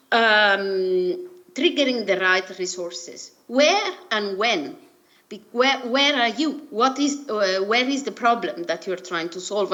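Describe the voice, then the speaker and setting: A woman from Italy with an Italian accent gives a formal, haltingly phrased presentation over a video call. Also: on the high side, fairly bright tone. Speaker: presenter at an online workshop. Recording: dull, muffled video-call audio.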